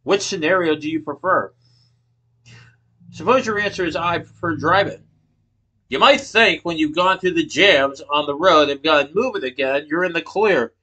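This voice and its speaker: The speaker is a man in his thirties presenting a persuasive class speech, partly from notes, to a laptop webcam below him in a small room. He poses rhetorical questions and gestures emphatically, his voice on the high side, bright and forceful at a moderate pace. It's a rough recording.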